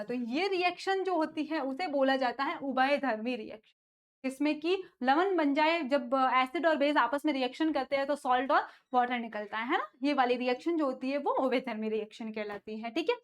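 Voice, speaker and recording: A woman teaching school science in a lively lecture, often asking a question and then answering it herself, with playful asides. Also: sits high, moderate pace. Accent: North Indian Hindi. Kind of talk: classroom lecture with call-and-response questions.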